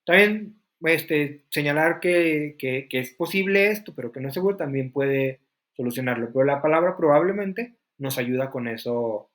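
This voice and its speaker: A man's voice: a little high, animated, moderate pace, fairly bright tone. A man teaching a class, explaining points step by step and asking students questions. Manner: explanatory, asks the class questions, frequent fillers. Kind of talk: classroom lesson.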